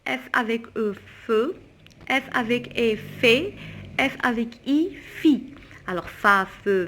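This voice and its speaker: Slow, deliberate woman teaching phonics. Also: on the high side, fairly bright tone, a little hiss or hum. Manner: slow, deliberate, repeats letters and syllables. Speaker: primary school teacher. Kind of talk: slow phonics lesson for young children.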